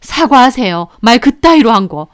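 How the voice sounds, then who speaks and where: A woman's voice: fairly high pitch, very animated, normal speed, no room sound. Lady doing a hurt mom standing her ground, dry close sound. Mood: demanding. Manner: firm, pleading. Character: hurt, indignant mother of a young boy.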